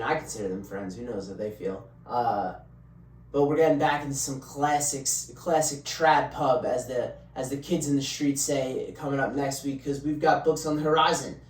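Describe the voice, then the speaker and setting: A man, hosting solo and talking casually to his audience. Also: medium pitch. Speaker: host. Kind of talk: casual solo show outro. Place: home room at a desk. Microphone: desk microphone. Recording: roomy, distant mic, faint noise.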